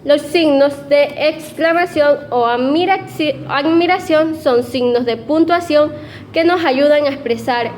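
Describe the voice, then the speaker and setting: A woman's voice: sits high, darkish tone, slight background noise. A young woman giving a class presentation, explaining step by step with fillers and self-corrections. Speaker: student presenter.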